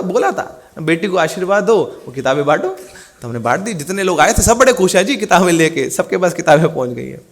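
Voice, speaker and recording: Animated male storyteller. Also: on the high side. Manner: animated storyteller acting out quoted dialogue. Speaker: preacher. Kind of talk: storytelling sermon.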